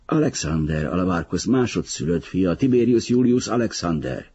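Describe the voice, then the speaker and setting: A man's voice: sits low, expressive, warm tone, slightly rough, dull audio, heavily acted. A man reading an audiobook, voicing a brusque young nobleman who gives clipped orders. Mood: curt. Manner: clipped and commanding. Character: young man, curt, commanding, bitter nobleman's son.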